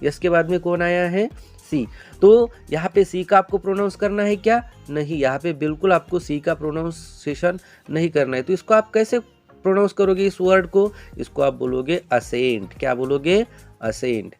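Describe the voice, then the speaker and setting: A man's voice: high voice, normal speed, faint music behind. A man teaching English pronunciation in Hindi, answering his own repeated questions and calling viewers "beta". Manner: drills with repeated call-and-response questions; addresses viewers as children. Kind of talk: classroom-style pronunciation lesson.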